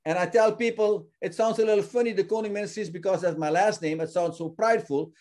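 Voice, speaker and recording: A man's voice: high voice, fast, a little mellow. A man from Suriname who founded a ministry, talking earnestly as a guest and often repeating words as he searches for them. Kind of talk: casual interview talk.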